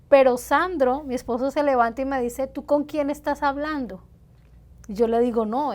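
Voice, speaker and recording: A woman, a pastor, sharing her personal testimony in conversation, heartfelt and unhurried. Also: high-pitched, a little mellow.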